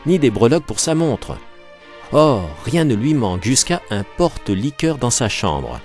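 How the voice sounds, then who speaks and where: A man's voice: medium pitch, very animated, unhurried, darkish tone, faint music behind, pitched above the performer's own voice. A man voicing a desperate, bitter young woman. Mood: bitter, reproachful. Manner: impassioned, reproachful. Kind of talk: audiobook reading.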